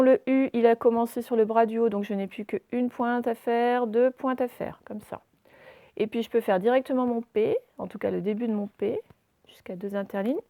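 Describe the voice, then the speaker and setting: A woman's voice: fairly high pitch, mellow, no echo. A woman primary school teacher recording a reading and handwriting lesson for young children, explaining step by step with frequent hesitations and spelling out letters.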